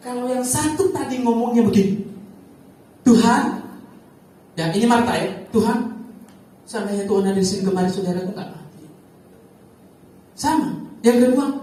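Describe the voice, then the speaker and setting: Woman preaching in a booming, echoey church. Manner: lively, addresses the congregation directly and acts out quoted speech. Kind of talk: church sermon. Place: large church service. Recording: very echoey church hall, distant mic, faint noise.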